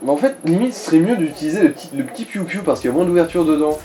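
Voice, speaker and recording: Chatting casually over a video game, a man explains things and gives the player advice in a fairly high, expressive, very fast yet mellow voice. The room is echoey, with game music in the background.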